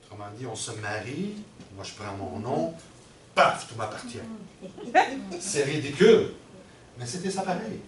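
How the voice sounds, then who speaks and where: A man's voice: medium pitch, expressive, unhurried, pauses often. A middle-aged man, presenting a workshop and explaining step by step, often checking in with his audience. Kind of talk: teaching a workshop. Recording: roomy and distant with background noise.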